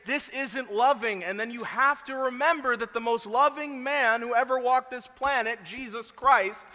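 Man preaching with a bright voice in an echoing hall. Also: high voice. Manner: swings between quiet earnest talk and loud emphatic preaching. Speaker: pastor. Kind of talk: sermon. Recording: long hall reverb.

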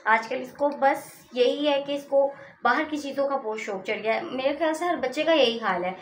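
A woman's voice: high-pitched, normal speed, slight background noise. A young woman chatting casually in a home vlog, coaxing her toddler in a sing-song voice. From Pakistan. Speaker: family vlogger and mother. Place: home by a window. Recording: loud background music. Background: loud music.

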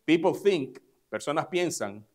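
Unhurried and expressive, a fairly high-pitched male pastor preaches an emphatic bilingual sermon at church. A native Spanish speaker, he gives each line in English before repeating it in Spanish, stressing key words.

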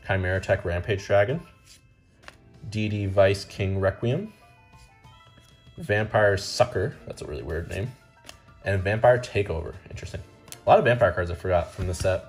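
A young man hosting his channel, casually rambling as he opens trading card packs, with fillers and restarts. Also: low-pitched. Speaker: card-opening channel host. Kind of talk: casual unboxing commentary.

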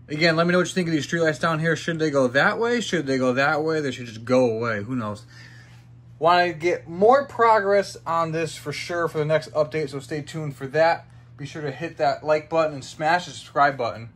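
A man's voice: a little high, normal speed, fairly bright tone. A young man hosting a casual, chatty walkthrough vlog, thinking aloud as he films his tabletop model city with a handheld phone indoors. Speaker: YouTuber showing his toy brick city.

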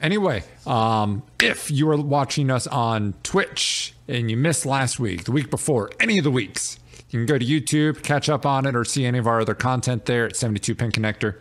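Male podcast host, mid-pitched, loose and jokey, a bit mumbly. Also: lively intonation, a little fast, fairly bright tone. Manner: loose, joking, trails off and mumbles. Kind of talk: casual gaming podcast chat.

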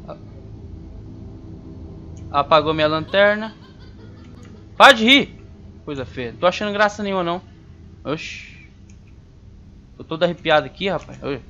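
A man with a slightly high, bright voice gives casual let's-play commentary. He is jumpy and slangy, and he talks back at the game. The recording is a little dull and has faint hiss. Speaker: gamer playing a horror game.

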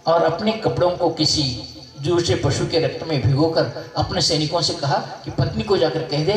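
A man's voice: a little high, normal speed. A man, a spiritual teacher, telling a devotional story in a sermon and acting out its voices. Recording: echoey hall, mic far off.

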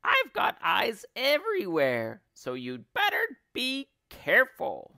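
A man voicing a nasty, spiteful old wife with a high, cackling, shrieking voice in a storybook reading. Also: wildly swooping pitch, slow, vocal fry, pushed and bright, dry recording, clean studio sound, exaggerated voice. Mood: sly threatening.

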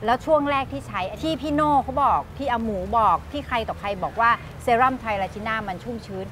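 Fast-talking woman in her fifties selling. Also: fairly high pitch, lively intonation, a little hiss or hum. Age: 50s. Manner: chatty, persuasive, repeats key points. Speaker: host. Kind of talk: on-air sales pitch.

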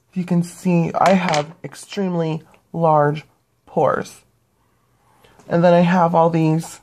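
A woman's voice: low voice, a little mellow. A young woman giving a casual beauty product review, rambling with fillers and self-corrections. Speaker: beauty vlogger.

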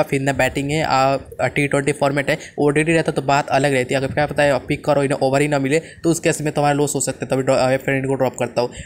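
A man's voice: fairly high pitch, a little hiss or hum. A young man presenting fantasy cricket picks as the channel's host, rattling off confident, casual commentary to his viewers. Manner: rapid, confident, addresses viewers as friends.

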